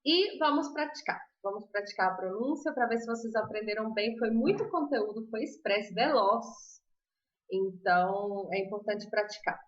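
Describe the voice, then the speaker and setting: A woman's voice: mid-range voice, moderate pace. A woman with a Brazilian accent teaching Spanish pronunciation in a casual live stream, chatty and laughing often, reading viewer comments aloud. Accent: Brazilian Portuguese. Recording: roomy, slightly dull live-stream audio.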